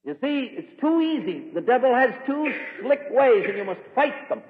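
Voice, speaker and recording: A man preaching an emphatic sermon, swinging from loud declarations to hushed warnings. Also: extremely high pitch, very animated, moderate pace. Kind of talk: fiery sermon. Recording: tinny lo-fi recording with long hall reverb.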